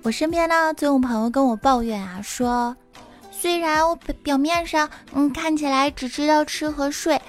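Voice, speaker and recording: A woman hosts a comedy podcast with a high, bright-pitched voice, teasing and joking in an animated way. She narrates the setups of the jokes herself. Music plays clearly behind her the whole time. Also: normal speed. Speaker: podcast host. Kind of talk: comic podcast hosting. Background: background music.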